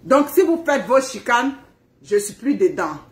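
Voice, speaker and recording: A middle-aged woman hosting a live stream from home, chatting casually to her viewers, animated and laughing as she acts out family quarrels. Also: on the high side, unhurried, echoey room, a little hiss or hum. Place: at home, indoors.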